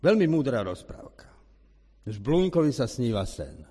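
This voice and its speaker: A male preacher giving a sermon in a church, first reading a children's story aloud and then preaching in an animated way. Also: mid-range voice. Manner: lively and animated, clears his throat now and then. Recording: reverberant church hall.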